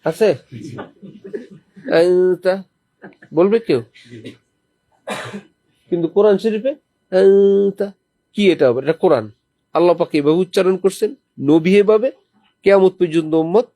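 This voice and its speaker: High-voiced preacher teaching a gathering. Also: male voice, unhurried, long pauses, dark tone, no echo. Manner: teaching with recited Quranic examples; asks listeners questions. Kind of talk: sermon. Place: lodging during a visit to a holy city.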